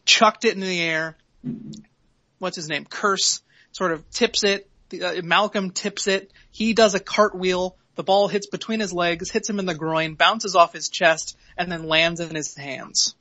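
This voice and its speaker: A man hosting a casual sports podcast, recapping plays in quick, wry detail. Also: high-pitched, steady tone, sharp tone, no echo, highs cut off. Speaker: podcast host.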